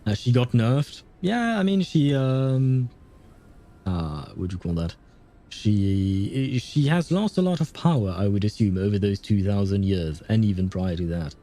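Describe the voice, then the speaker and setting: A man's voice: lowish voice, very animated, measured pace, warm tone. A man giving casual game playthrough commentary, hesitantly thinking aloud as he streams. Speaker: gaming streamer.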